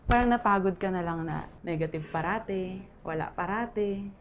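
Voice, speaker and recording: A woman's voice: lowish voice, moderate pace, a little hiss or hum. A Filipino woman in her thirties, candidly sharing a painful personal testimony and laughing often as she talks.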